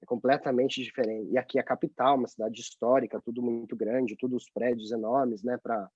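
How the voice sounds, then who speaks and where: A man's voice: medium pitch, a little fast, husky, no room sound. A man with a Brazilian Portuguese accent, a guest talking casually and animatedly in an interview over a video call. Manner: chatty, tag questions, animated. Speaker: guest, journalist abroad. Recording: dry, dull lo-fi call audio.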